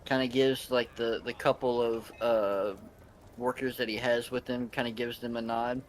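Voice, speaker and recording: A man's voice: mid-range voice, level tone, normal speed, a little hiss or hum, poor audio. A man narrating a tabletop game as game master, rambling with many fillers. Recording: clear background ambience.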